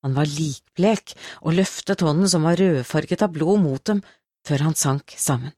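A woman narrating a novel as an audiobook, in a steady, measured storytelling manner. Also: low-pitched, no room sound, clean studio sound. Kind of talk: scripted narration.

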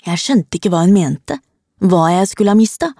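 A woman reading a children's story aloud in the first person, in a calm and even storytelling manner, close to the microphone. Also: on the low side, gravelly, no echo. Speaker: narrator.

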